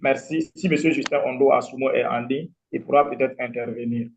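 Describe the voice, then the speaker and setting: A man's voice: mid-range voice, fairly even intonation, brisk, creaky, dull audio, slight background noise. A man organizing a festival, speaking politely and formally on a video call.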